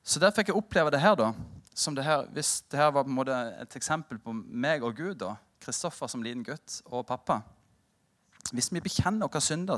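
A male preacher in his thirties delivers a sermon as a personal story. His voice swings widely in pitch as he jokes with the room, then drops low and earnest for the point. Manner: storytelling, animated and humorous with the congregation.

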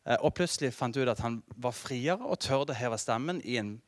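A middle-aged man preaching a sermon as pastor, telling a story with lively asides and laughter to the congregation. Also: medium pitch, no room sound.

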